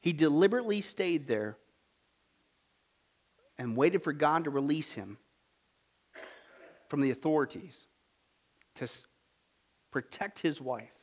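High-pitched, animated man preaching a sermon. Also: a little slow, pauses often. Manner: emphatic, exhorting, with rhetorical questions and short punchy repetitions. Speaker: pastor preaching.

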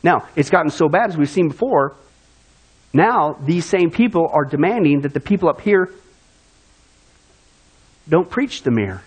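A man preaching from the pulpit with a high, lively voice. He talks in a folksy, down-to-earth way, slipping into little acted-out voices to make his point to the congregation. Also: normal speed, pauses often, husky, low-quality recording. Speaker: pastor. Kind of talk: sermon.

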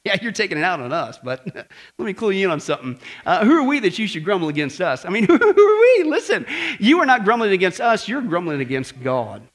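A man preaching a sermon as pastor in a church, lively and conversational, acting out voices and asking the congregation questions. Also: high-pitched, fast talker. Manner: animated, acts out grumbling voices and asks the audience questions.

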